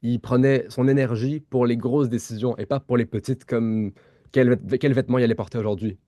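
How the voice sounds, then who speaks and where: A man's voice: mid-range voice, fairly even intonation, a little fast, mellow, dry recording. A man with a Québécois accent co-hosting a podcast, explaining ideas in casual chat with frequent fillers and restarted words. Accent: Québécois French. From Quebec. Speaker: podcast co-host.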